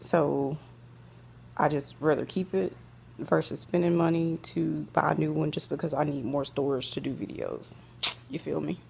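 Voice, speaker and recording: A woman's voice: low-pitched, normal speed, gravelly, a little hiss or hum. A woman, chatting casually and correcting herself as she cleans her home kitchen on a phone camera. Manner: chatty, relaxed, self-correcting. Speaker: vlogger. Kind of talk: casual chat while cleaning.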